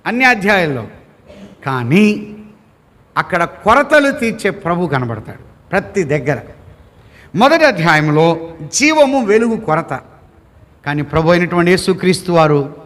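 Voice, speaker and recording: A man's voice: sits high, fairly bright tone, in a large hall. A male pastor preaching a sermon with a Telugu accent, posing rhetorical questions and building repeated lists.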